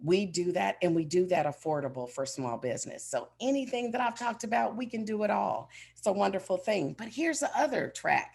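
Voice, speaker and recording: A woman's voice: medium pitch, sing-song, fairly quick, gravelly, hardly any pauses, darkish tone, husky. A woman giving a motivational business keynote with polished corporate enthusiasm, speaking emphatically and straight to her listeners. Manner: emphatic, addresses listeners directly.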